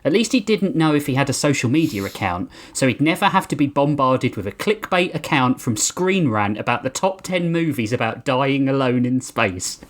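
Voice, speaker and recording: Man reading a crude comedy story, deadpan, laughs at his own jokes. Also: mid-range voice, moderate pace, few pauses. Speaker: podcast storyteller.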